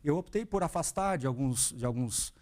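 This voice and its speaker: A man's voice: a little high, normal speed. A man in his thirties from Brazil, a guest speaking earnestly and with animation about his path as an investment educator. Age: 30s. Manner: earnest, animated, quotes his own thoughts. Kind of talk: interview, reflective storytelling.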